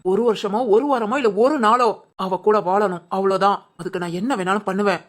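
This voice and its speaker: A woman voicing a scheming, vengeful masked young man in a cartoon. He talks in a low, brooding inner monologue. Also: fast, close to an everyday voice. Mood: menacing. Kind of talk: cartoon voice acting.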